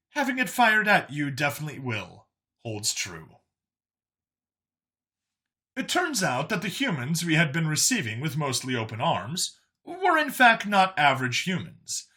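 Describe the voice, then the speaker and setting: This scripted sci-fi narration casts a man as an alien official delivering a briefing, his voice bright, forward and a touch high. Wry and expository, he lets his pitch swing widely across phrases, sounding sing-song and a little slow.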